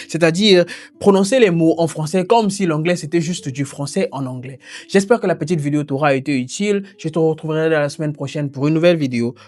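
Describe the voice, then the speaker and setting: Brief: male language-channel host, informal and explanatory, pitched a little high. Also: a little mellow. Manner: explanatory, informal, speaks to the viewer as "tu". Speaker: English teacher and channel host. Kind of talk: educational video narration.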